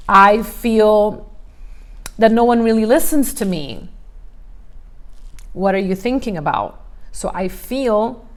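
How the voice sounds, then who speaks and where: Speaking at a medium pitch, a middle-aged woman works as a coach running a motivational workshop. She keeps it conversational, throwing out rhetorical questions and acting out examples.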